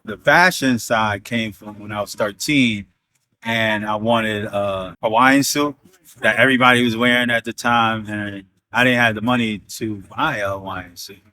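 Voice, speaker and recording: A middle-aged man from Trinidad speaks in a low voice, relaxed and reflective as he tells the story behind his brand. The recording is dry and close. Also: normal speed, no echo, rough recording. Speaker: fashion brand founder. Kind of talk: interview.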